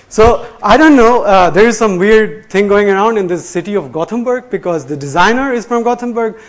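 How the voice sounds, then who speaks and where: A man presenting a live technical talk to a room. He talks loosely, with many fillers and restarts, and laughs at himself. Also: high-pitched. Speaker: conference presenter. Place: lecture room before an audience.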